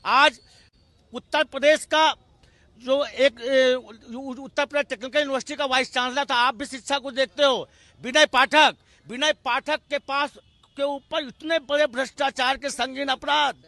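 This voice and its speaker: Impassioned male party spokesman, bright forceful voice, piling up rhetorical lists. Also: very high voice, steady tone, unhurried, dry recording. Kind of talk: heated TV debate argument.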